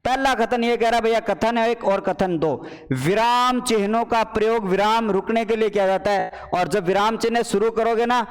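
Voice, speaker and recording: A man teaching a playful, animated online Hindi exam class. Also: high-pitched, clear, resonant tone, in a large hall. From Rajasthan. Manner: animated, playful, addresses students as children and brothers. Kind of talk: live online exam paper solution class.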